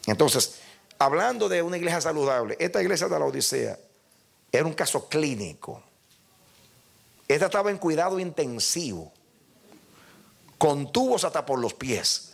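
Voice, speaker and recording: A man's voice: a little high, big pitch swings, moderate pace, creaky, pauses often. An older male pastor preaching a sermon, emphatic and speaking directly to his congregation.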